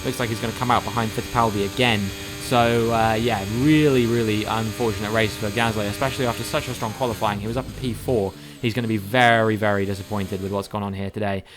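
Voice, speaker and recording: A man commentating live on his own racing game, rattling off positions in quick play-by-play and getting louder at crashes. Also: on the low side, background noise. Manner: rapid play-by-play, rises sharply in excitement at incidents. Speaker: gaming YouTuber commentating his own race. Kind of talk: live gameplay race commentary.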